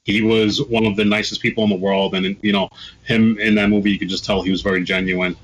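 A man on a podcast panel, eager and quick to jump in with his point. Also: on the low side, little pitch movement, a bit bright, husky, poor audio. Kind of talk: casual film discussion.

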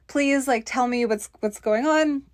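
A woman hosting a podcast, telling a blunt, profane, rambling story in a casual rant, recorded on her phone in a small closet, giving low-quality audio. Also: a little slow, dry recording, clean studio sound. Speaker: podcast host. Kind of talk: casual ranting monologue.

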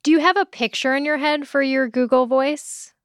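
A woman's voice: high voice, fairly even intonation, moderate pace, no room sound, clean studio sound. A woman host interviewing a listener in a casual, curious way.

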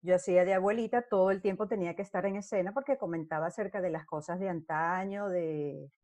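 A middle-aged actress tells stories in a casual interview and acts out the scenes as she goes. Her voice is mellow and dark. The sound is dry and close. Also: fairly low pitch, quick pace, no room sound. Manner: animated storyteller who acts out scenes.

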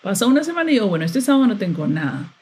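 Young woman, husky voice, chatty and fed-up podcast rant. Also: medium pitch, big pitch swings, very fast, darkish tone. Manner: chatty, exasperated, laughs often. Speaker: podcast host. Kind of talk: casual monologue.

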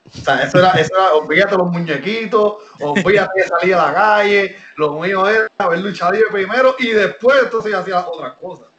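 A Puerto Rican man with a slightly high voice, talking as a guest on an interview podcast. He tells his story in an animated way and often stops to restart a phrase. The room around him gives his voice a roomy echo. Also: fairly quick, muffled recording, a crowd in the background. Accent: Puerto Rican Spanish. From Puerto Rico. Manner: animated, many fillers and restarts. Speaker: wrestler guest.

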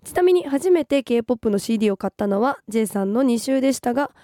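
Hoarse young woman with Nagoya lilt. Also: on the high side, lively intonation, racing, mellow, no room sound, studio quality. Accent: Nagoya-tinged Japanese. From Gifu, Japan. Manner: giggly, polite. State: hoarse from a cold. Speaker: radio co-host. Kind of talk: casual radio chat, reading listener messages. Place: radio studio.

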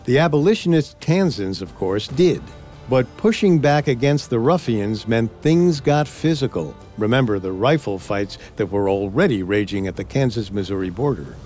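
A history podcast co-host with a mid-range, darkish voice reads a script expressively at normal speed, giving quotes a dramatic delivery. A faint music bed runs underneath.

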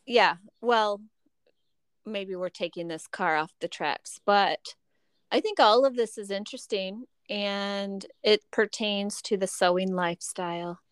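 A woman co-hosting a podcast in casual chat, playful and quick to laugh. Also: mid-range voice, clear, resonant tone, dry recording. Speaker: podcast co-host.

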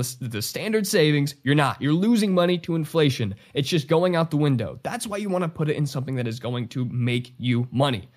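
A young man with a stuffy, congested nose talks straight to viewers as an online host, giving casual, emphatic advice. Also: mid-range voice. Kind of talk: direct-to-camera advice talk.

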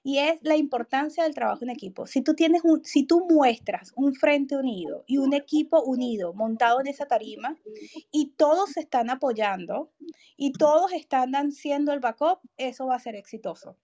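A woman's voice: high-pitched, moderate pace, warm tone. A woman hosting a panel talk, affirming and building on the guest's points. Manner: agreeable, affirming, encouraging. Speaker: host. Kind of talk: panel conversation.

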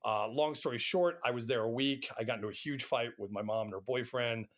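A man's voice: medium pitch, a little fast. Wry middle-aged American man telling stories. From United States, Atlanta area. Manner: wry, self-deprecating. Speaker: podcast guest, actor. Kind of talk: casual anecdotal interview chat.

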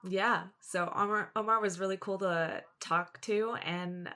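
A woman's voice: medium pitch, steady tone, measured pace, bright, forceful tone. A woman from New Jersey hosting a podcast and chatting casually with a guest, upbeat and full of fillers. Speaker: podcast host. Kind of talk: casual interview chat.

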